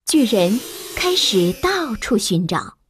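A woman narrating a children's storybook slowly and expressively. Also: mid-range voice, a little hiss or hum. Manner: slow, expressive, lively storytelling.

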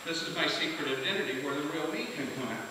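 A man teaching a beekeeping class to a live audience in a lively lecture manner, often putting questions to the room. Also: a little high, fast. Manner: energetic, asks the audience questions. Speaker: beekeeping instructor. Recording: echoey hall from far off, hiss.

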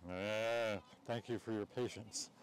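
A man's voice: fairly low pitch, fairly even intonation, slow pace. A man announcing a live outdoor contest at a cow pasture, bantering jokingly with the crowd and teasing the waiting audience. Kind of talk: casual live event announcing.

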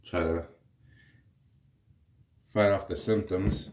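Shaving in a small, echoey bathroom, a wet-shaving reviewer in his thirties explains what he's doing to the camera in casual vlog commentary, stuffed up from a cold. His deep voice moves slowly as he rambles in a relaxed way. Slight background noise is audible.

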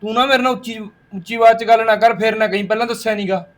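A man's voice: high voice, steady tone, a bit bright. A young man playing an exasperated husband who scolds and argues with his new wife. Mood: scolding. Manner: arguing, scolding, rapid. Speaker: actor in a short film.

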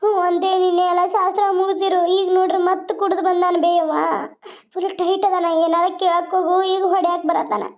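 A wronged young bride in a village cartoon, played by a woman, complaining and pleading in a very high, fast voice. She, and the recording is dull and lo-fi. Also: level tone.

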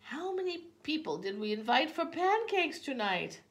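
A busy village mother from a picture book exclaims in exasperation, her voice climbing high. A woman reading aloud acts her out. Her speech swoops widely up and down. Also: sing-song, a little slow, darkish tone. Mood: exasperated.

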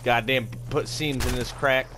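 A man in casual game chat with friends, hyped and swearing like an excited gamer bro. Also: medium pitch, measured pace. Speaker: gamer recording a squad match. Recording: game gunfire and noise behind voice. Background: video game gunfire and ambience.

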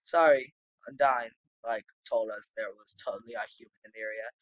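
A young gamer lowering the voice and drawling with casual fillers for a laid-back monster royal guard. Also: steady tone, a little fast, dull audio, lightly acted. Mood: chill. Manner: drawling, valley-speak fillers.

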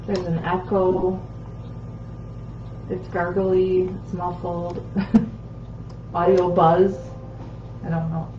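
A woman's voice: lowish voice, level tone, very slow, pauses often, reverberant, lo-fi sound, a little hiss or hum. A woman helping run a live stream, reading out viewer comments in a hesitant way. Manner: hesitant, laughs often.

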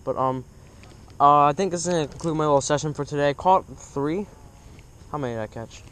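The voice here is a teen boy's, a little high, fairly bright and clean, moving fairly quickly. He's a fishing vlogger rambling casually with lots of fillers from a kayak, recorded outdoors on a head-mounted action cam that catches the ambient noise.

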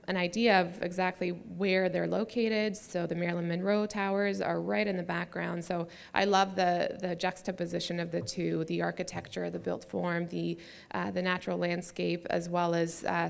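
Woman presenter, fry-heavy, lower voice, slide talk with lots of fillers. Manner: hesitant, many fillers. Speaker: conference speaker, city public art staff.

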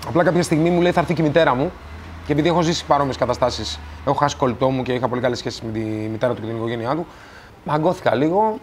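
A man from Greece, a tattoo artist, telling stories in a casual interview and acting out the dialogue. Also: a little hiss or hum. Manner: animated, acts out dialogue, rises in pitch when quoting.

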